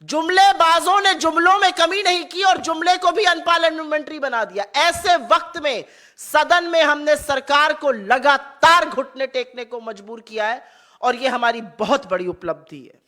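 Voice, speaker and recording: A woman giving a political speech as a party spokesperson, forceful and rhetorical, repeating rallying lists of points. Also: sits high, moderate pace.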